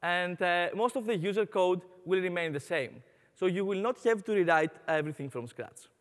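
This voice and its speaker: A young Greek conference speaker with a Greek accent addresses a large hall from the stage, upbeat and full of "uh" fillers. His high voice has a fairly bright tone at normal speed, with a big-room sound.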